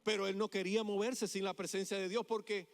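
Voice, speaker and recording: A man's voice: high voice, little pitch movement, brisk. A male pastor delivering a sermon with emphatic delivery and frequent rhetorical questions, heard in a church sanctuary. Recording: long hall reverb.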